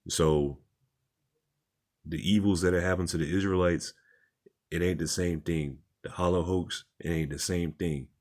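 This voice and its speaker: Low-voiced man giving plain-spoken commentary. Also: steady tone, a little slow, long pauses, a little mellow. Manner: plain-spoken, informal and repetitive. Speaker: religious commentator. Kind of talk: reading and commenting on articles.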